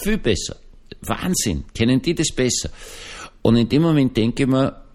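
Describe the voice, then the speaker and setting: A man's voice: medium pitch, animated, normal speed, darkish tone. A male Protestant pastor with an Austrian German accent, talking casually and folksily to his online listeners, just back on his feet after being ill. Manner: chatty, rambling, folksy, addresses listeners directly. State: recovering from illness. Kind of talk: casual spoken podcast reflection.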